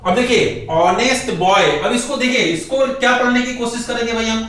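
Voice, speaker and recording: A middle-aged man teaching English grammar in a lecture style, who keeps asking rhetorical questions, answers them himself, and drags out key words slowly for emphasis. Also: very high-pitched, a bit bright. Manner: often calls the viewer "bhai". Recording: very echoey room, voice far from mic.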